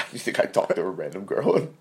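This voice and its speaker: A young man in casual chat, laughing often and swearing as he tells animated stories. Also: sits low, moderate pace, gravelly.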